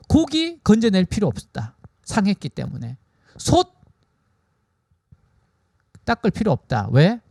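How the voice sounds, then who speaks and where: A man preaching a sermon as a pastor from South Korea, emphatic and shifting between raised and hushed delivery. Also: sits high, vocal fry, no room sound, clean studio sound.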